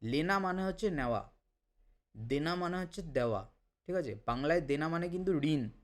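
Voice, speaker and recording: A man teaching a language lesson, saying each word and then repeating it slowly, with English phrases mixed in. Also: fairly high pitch, animated.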